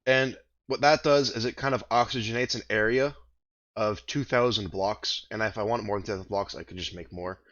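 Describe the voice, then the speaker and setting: Groggy low-voiced man rambling through gameplay. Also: steady tone, brisk, fairly bright tone, highs cut off. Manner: rambling, thinking aloud while playing. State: groggy morning voice. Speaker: gaming video host. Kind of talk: casual let's-play commentary.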